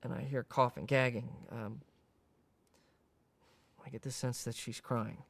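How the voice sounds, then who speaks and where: An actor playing a distressed man in a counseling demonstration, talking haltingly with many pauses and fillers. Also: mid-range voice, steady tone, creaky, a bit bright. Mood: uneasy. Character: anxious young man reliving a painful memory. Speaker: preclear in a demonstration session.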